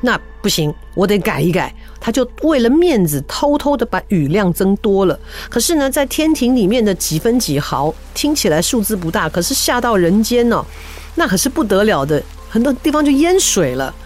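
A woman, telling folk tales in a chatty storytelling podcast. Her voice swings widely in pitch as she addresses the listener directly, with faint music underneath. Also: sing-song, moderate pace, a little mellow.

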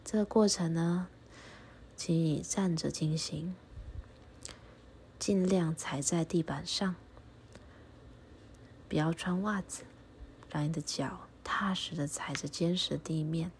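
A woman leading a guided meditation and prayer, speaking softly and calmly, often in a half-whisper. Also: deep voice, slight background noise. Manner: soft, breathy, often half-whispered delivery; slow, calm, instructive.

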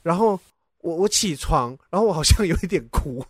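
Animated high-voiced male podcaster. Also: a little fast, no room sound. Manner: animated, dramatic retelling with laughs and swearing. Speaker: podcast co-host. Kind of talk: casual chat, storytelling.

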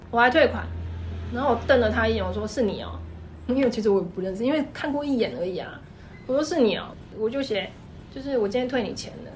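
A woman with a Taiwanese Mandarin accent, a clothing shop owner telling stories in an animated, emphatic way. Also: on the high side, slight background noise. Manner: animated, fast-talking, emphatic. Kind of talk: casual storytelling chat.

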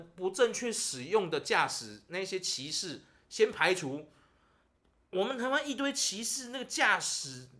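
A fairly high-voiced man with a Taiwanese Mandarin accent, hosting a casual podcast chat. His pitch swings widely as he rants and tells stories with lots of feeling. He sounds like an excited storyteller. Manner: animated, ranting storyteller. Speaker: podcast host.

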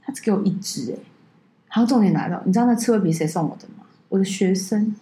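A woman co-hosting a podcast, telling stories in a casual, animated way and mimicking people in a high voice. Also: quick pace, echoey room, rough recording. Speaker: podcast co-host. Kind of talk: casual chat.

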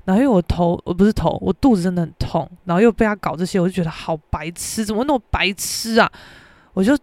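A young woman with a Taiwanese Mandarin accent, hosting a podcast and telling a story in an animated, exasperated way. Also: mid-range voice, fast, no echo. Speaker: podcast host. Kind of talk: casual storytelling.

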